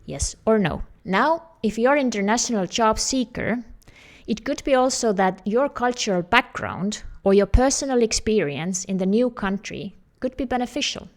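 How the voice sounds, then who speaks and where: In a direct-to-camera advice video, an Estonian-accented woman in her thirties coaches viewers on job hunting. She sounds high-pitched with lively intonation at a normal pace, explaining earnestly in non-native phrasing.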